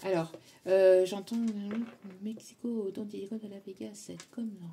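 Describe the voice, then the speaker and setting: A woman's voice: mid-range voice, steady tone, a little slow, gravelly, background noise. A woman giving a tarot reading to her viewers, hesitant with many fillers, passing on what her guides tell her and chuckling between playful asides. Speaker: tarot card reader. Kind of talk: spoken tarot reading to camera.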